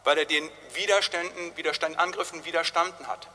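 Bright-voiced man preaching in a reverberant hall. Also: on the high side, steady tone, brisk. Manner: storytelling, conversational with frequent "halt, nicht?" tags. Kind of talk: sermon.

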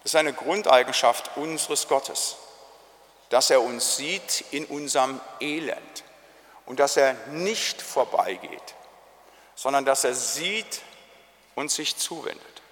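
A man preaches a solemn sermon, drawing out his key phrases slowly. His voice is bright and forceful, with a long church reverb trailing each line. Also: medium pitch.

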